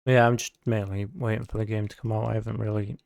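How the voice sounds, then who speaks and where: A man's voice: on the low side, little pitch movement, fast, creaky, a little mellow. A man hosting a casual gaming podcast, rambling with lots of fillers and the odd swear word. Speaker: podcast host.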